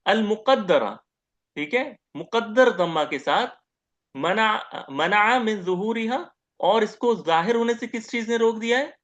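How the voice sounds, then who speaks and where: A man giving a grammar lecture as teacher, posing questions to the class, answering them himself and repeating each term slowly. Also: high voice, lively intonation, fairly bright tone, dull audio. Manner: asks questions and answers them himself, repeats terms, says "okay" often.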